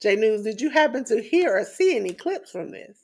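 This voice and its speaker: A woman's voice: on the high side, big pitch swings, normal speed. A tired woman co-hosting a podcast, reading out wrestling results with showy announcer flourishes. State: sleepy. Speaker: podcast co-host.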